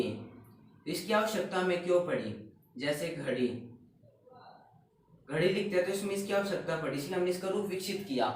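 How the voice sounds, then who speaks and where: A man teaching Hindi grammar, explaining spelling in a classroom style and keeping up a string of questions he answers himself. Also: high voice. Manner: repetitive, keeps asking and answering his own questions. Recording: very echoey room, distant mic.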